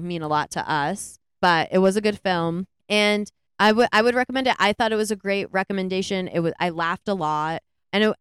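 A woman co-hosting a podcast, retelling a film's plot in a rambling, animated way with lots of "like"s. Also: mid-range voice, clean tone, no echo, clean studio sound. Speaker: podcast co-host. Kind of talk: casual movie review chat.

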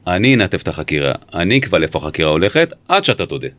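A former police interrogator tells his story in an interview, his voice low and set down with firm, measured emphasis. He is recorded dry and close, with no room sound. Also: sing-song, fairly bright tone, no echo.

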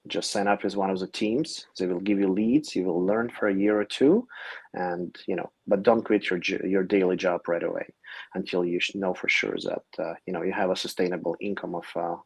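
Deep husky man giving advice. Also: steady tone, a little fast. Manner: earnest, advising, some slips of grammar. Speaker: guest. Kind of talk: giving advice on a video call.

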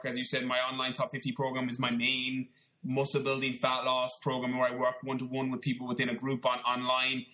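A man's voice: medium pitch, sharp tone, poor audio. A man with a west of Ireland accent, chatting informally as an interview guest and often rephrasing himself as he explains. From Galway, west of Ireland. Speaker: podcast guest, personal trainer. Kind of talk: conversational interview, telling own story.

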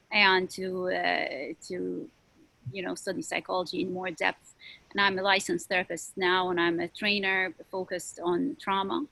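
Casting: woman therapist, forties, gravelly and sharp-toned, flat delivery. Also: on the low side, poor audio. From Syria. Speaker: licensed therapist, panelist. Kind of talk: self-introduction on a panel.

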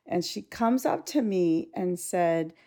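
A woman's voice: lowish voice, slow. A woman co-hosting a casual podcast, a teacher telling a story frankly and acting out what people said. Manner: animated storyteller, acts out dialogue, frank and blunt. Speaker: podcast co-host; school teacher.

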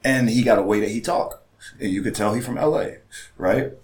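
A man co-hosting a casual chat, telling stories in an animated way and mimicking other people's voices. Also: on the low side, a little fast.

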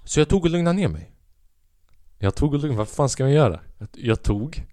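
A young man hosting a podcast, telling a comic, profane story as an animated rant. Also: fairly high pitch, no room sound. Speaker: podcast host. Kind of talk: comedic ranting monologue.

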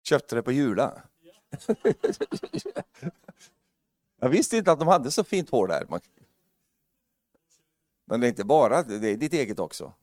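Animated man preaching a sermon. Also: mid-range voice, long pauses, no room sound. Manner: animated, builds to loud emphatic preaching; joking asides to the congregation. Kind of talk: lively sermon.

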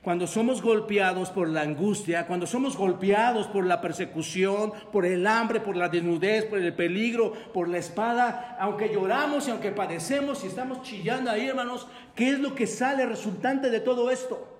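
A man's voice: sits high, moderate pace. A male pastor with a Mexican Spanish accent preaching a sermon, often asking the congregation questions for them to answer. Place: church hall. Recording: echoey church hall with long reverb.

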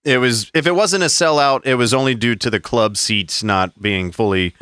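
He's a podcast co-host in casual, profane conversation, rambling through long stories, swearing heavily and mocking others' voices in quotes. His voice is mid-range, a bit bright, clear and resonant, at a normal speed, in a dry, studio-quality recording.

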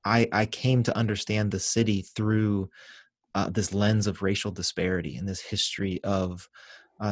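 A pastor and author who grew up in Venezuela and Ecuador appears as a guest on a podcast interview, speaking earnestly, measuredly and reflectively. His voice sits lowish, and the studio-quality recording has no room sound.

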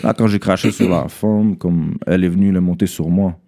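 Young man, lowish voice, casual slangy storyteller with English words mixed in. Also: fairly quick, vocal fry. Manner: animated, slangy, mixes in English, keeps asking "tu comprends?". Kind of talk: casual storytelling among friends.

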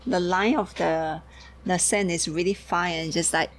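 A woman hosting a casual podcast chat, haltingly searching for her words. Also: lowish voice. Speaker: podcast host and tea shop keeper. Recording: clear steady background noise.

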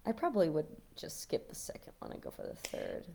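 A woman co-hosting a podcast chats casually about a TV show, feeling her way through her thoughts and giggling easily. Her low, warm, creaky voice swoops wildly in pitch and runs a little fast.

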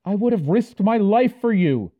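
An actor playing an earnest, hot-headed heroic knight who speaks with indignant passion in an audio drama. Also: male voice, high voice, lively intonation, normal speed, narrow, tinny audio. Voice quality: impassioned, indignant.

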